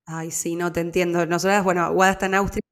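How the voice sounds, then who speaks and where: A woman's voice: fairly low pitch, level tone, fast. A woman co-hosting a podcast, asking long questions full of fillers. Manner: warm, rambling questions with fillers. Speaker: podcast co-host. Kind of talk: casual podcast interview.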